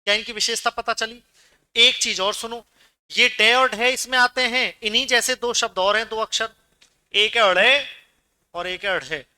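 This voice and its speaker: A man's voice: very high-pitched, normal speed, bright, forceful tone, smooth, no echo, clean studio sound. A man teaching pronunciation in class, drilling sounds aloud and asking students to repeat. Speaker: Hindi teacher.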